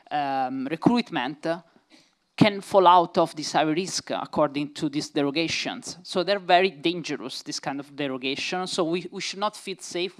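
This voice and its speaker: Italian-accented female activist, halting delivery with lots of fillers, clean smooth tone. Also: fairly low pitch. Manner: hesitant, many fillers, reads legal text aloud. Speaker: panelist, gender equality activist. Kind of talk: panel discussion.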